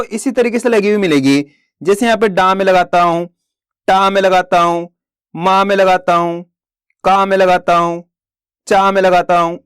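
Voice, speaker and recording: A man teaching Hindi reading in a slow, patient way, asking questions and answering them himself. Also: sits high, clean tone, dry recording, clean studio sound.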